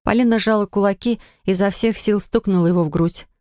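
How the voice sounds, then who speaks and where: A woman narrating an audiobook in an expressive style, on a studio microphone. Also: fast talker, smooth, no room sound. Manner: expressive, rising high and loud in the heroine's angry lines.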